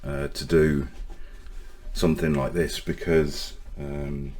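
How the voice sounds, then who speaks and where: Telling a personal story straight to camera, this online safety vlogger is a man in his forties from Northern Ireland. His voice is very deep and low, and his accent has become mostly English, with traces of Northern Irish left. Delivery stays flat and even, but halting, with frequent restarts.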